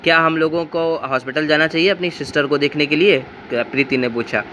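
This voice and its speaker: A man's voice: a little high, bright, forceful tone, slight background noise. Indian man teaching a storybook lesson. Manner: reads English lines slowly, then explains in Hindi. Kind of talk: reading and explaining a textbook story.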